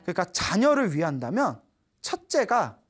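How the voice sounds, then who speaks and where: A woman who is a Buddhist nun gives a dharma talk to a studio audience, telling stories in an animated way and putting questions to her listeners. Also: medium pitch, normal speed, husky.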